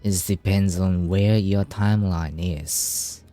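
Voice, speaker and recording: A gaming streamer whose first language is Japanese gives casual playthrough commentary, reading game text aloud, translating it, and swearing casually. He speaks slowly in a deep, mellow voice with fairly even intonation, while faint music plays behind him.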